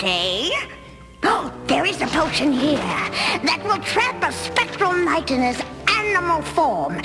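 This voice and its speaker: Ancient enchantress roused from slumber, high and swooping. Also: female voice, exaggerated voice. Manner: slow, archaic, imperious, like an ancient being disturbed from slumber. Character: ancient cave-dwelling enchantress, roused after ten millennia, haughty, sly. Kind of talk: cartoon villain acting. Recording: loud music behind the voice.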